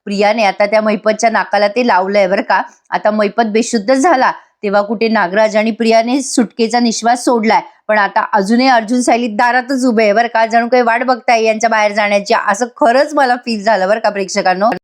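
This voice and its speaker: A woman's voice: on the high side, steady tone, a little fast, few pauses. A woman giving a voice-over review of a TV serial episode, chatty and constantly turning to her viewers. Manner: chatty, keeps addressing viewers.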